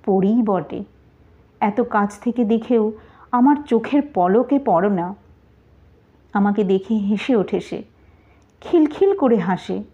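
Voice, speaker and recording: A woman narrating a historical novel in the first person, with a measured, grave delivery. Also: mid-range voice, animated, mellow. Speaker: audiobook narrator. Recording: tinny phone-like audio.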